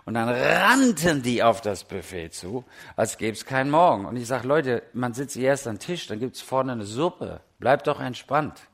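A middle-aged man from Germany preaching a sermon, telling stories with lively swings between loud and hushed delivery. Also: mid-range voice, a little slow, few pauses. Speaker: pastor.

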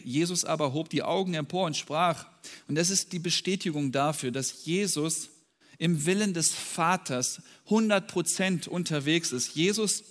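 German preacher man in an echoing hall. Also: on the high side. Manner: dramatic, swings from soft to loud when quoting scripture. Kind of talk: sermon. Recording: long hall reverb.

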